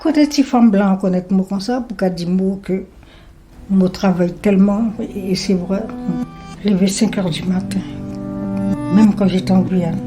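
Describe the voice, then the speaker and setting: Woman in her 70s, lively storytelling, voices other people, soft music behind. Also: mid-range voice, moderate pace. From French Guiana. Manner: lively storyteller who acts out remembered dialogue. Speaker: interviewee. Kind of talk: personal life story.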